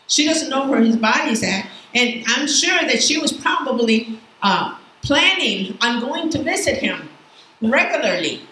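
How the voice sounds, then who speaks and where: A woman teaching a Bible class in a casual, lively way, asking her students questions as she goes. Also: sits high, measured pace. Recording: echoey room, faint background noise.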